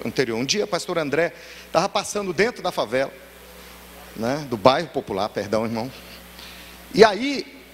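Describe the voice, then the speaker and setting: Pastor guy preaching a story, voice jumps all over, faint noise in the room. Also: on the high side. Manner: animated, acts out dialogue. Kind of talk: sermon storytelling. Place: church hall. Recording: echoey church hall, faint noise.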